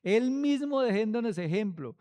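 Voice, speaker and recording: High, clear-voiced man preaching a sermon. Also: expressive, warm tone. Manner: asks many rhetorical questions, slow and emphatic. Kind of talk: Bible study sermon.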